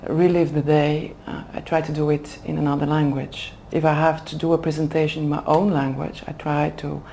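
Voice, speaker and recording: A deep, mellow female voice with a level tone and vocal fry gives careful, halting interview answers in her second language. The speaker, an executive development manager with Dutch as her first language, pauses hesitantly to find words at an Oxford language school. A little hiss or hum is present.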